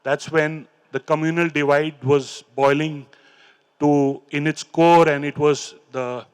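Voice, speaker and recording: This is a personal stage talk with poems in a large hall: a middle-aged man with an Indian English accent recounts his recovery into a handheld mic. His first language is Hindi or Urdu, his fairly high voice is steady, clear, and resonant, and his earnest delivery halts with fillers and restarts.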